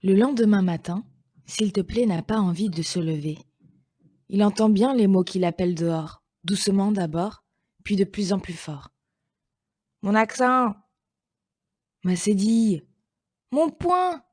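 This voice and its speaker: A woman reading a children's story aloud slowly and gently, with clear pacing. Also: medium pitch, no room sound, clean studio sound.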